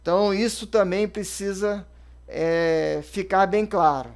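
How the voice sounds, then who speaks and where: A man's voice: high-pitched, steady tone, unhurried, vocal fry. A Brazilian man, an investment advisor in his thirties or forties, explaining investing in a casual, conversational way with fillers and self-corrections. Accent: Brazilian Portuguese.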